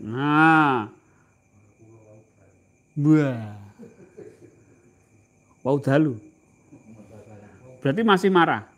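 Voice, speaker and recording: A man's voice: a little high, expressive, fairly bright tone. A man with a Javanese accent giving an informal religious lecture, often putting questions to his listeners and stretching his words for emphasis. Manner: asks the audience questions, drawn-out emphatic phrasing. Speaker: religious teacher.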